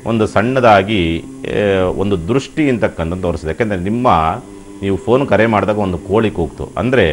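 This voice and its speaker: A very deep-voiced man speaks as a television astrologer. He counsels callers in a soothing, reassuring way, then reads through the day's predictions sign by sign in a steady, even delivery. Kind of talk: call-in horoscope advice.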